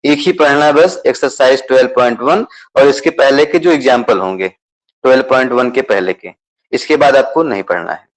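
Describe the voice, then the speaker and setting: A man's voice: medium pitch, moderate pace, rough recording. Male math teacher, patient and repetitive, mixing English terms into Hindi, checking in with the class often. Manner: repetitive, checks understanding with questions. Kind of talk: explaining a syllabus to students.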